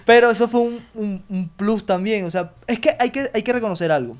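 A man's voice: sits high, brisk. Slangy Colombian coastal man, casual chat. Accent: Colombian Caribbean coast. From Colombian Caribbean coast. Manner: slangy, swears freely, acts out quoted voices. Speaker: comedian, podcast co-host.

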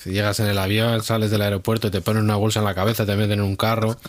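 Spanish guy with a very low voice, talks things through slowly, lots of ums. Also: little pitch movement. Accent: Spanish from Spain. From Spain. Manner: explains at length, hesitant, many fillers. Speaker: co-host. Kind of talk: casual chat.

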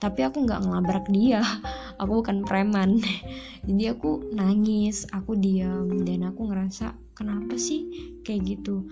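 A woman's voice: medium pitch, fairly even intonation, creaky, music in the background. Chatty young woman telling her story. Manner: chatty, drawn-out fillers, quoting herself. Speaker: vlogger. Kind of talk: casual personal storytelling.

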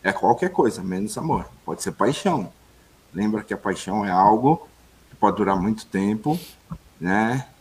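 A man co-hosting a casual chat, calmly reflecting on love and relationships. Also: lowish voice, moderate pace, slight background noise. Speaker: co-host.

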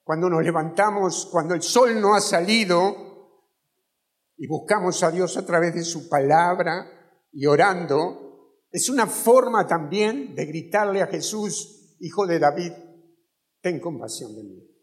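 A man's voice: sits high, measured pace. A man with an Argentine accent preaching a fervent sermon in a chapel, with a repetitive preaching cadence. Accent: Argentine Spanish.

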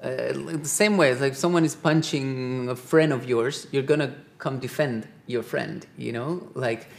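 A man with a Colombian accent talks in a loose, rambling way, full of "you know" and "like". His pitch sits in an ordinary middle range. He speaks as a guest in a casual sit-down conversation. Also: measured pace, gravelly. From South America. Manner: rambling, many fillers, heated when quoting critics.

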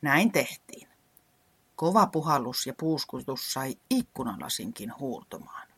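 Woman reading a kids action story, low husky voice, swoops a lot. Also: slight background noise. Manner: animated, guiding kids through movements. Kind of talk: children's action story narration.

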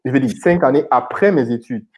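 A man's voice: mid-range voice, brisk, darkish tone, slightly rough. A man from Cameroon in his thirties, an IT consultant and founder, talking casually as an interview guest with many fillers and repeated words. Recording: slightly dull lo-fi audio.

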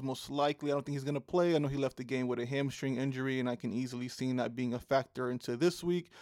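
A man's voice: medium pitch, darkish tone, dry recording, studio quality. A man co-hosting a casual fantasy football show, easygoing with lots of ums and playful team banter. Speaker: fantasy football podcast co-host. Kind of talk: casual sports chat.

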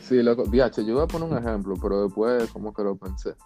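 Mellow-voiced young Dominican man. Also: fairly low pitch, fast talker, soft background music. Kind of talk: casual chat.

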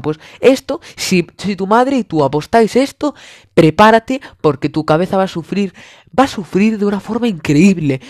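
A young Spanish-accented man from Spain riffs through a comedic monologue, sarcastic and over the top, swearing freely. His voice sits somewhat high for a man. The sound is dry and close with no room to it. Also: a little mellow, no room sound.

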